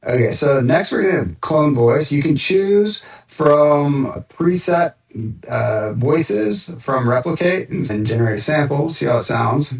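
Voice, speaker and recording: A man's voice: a little high, lively intonation, measured pace, creaky. A man casually walking through a screen-share demo of his app, thinking aloud with frequent "uh"s and restarts. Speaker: software developer demoing his app. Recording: roomy, distant and dull sound.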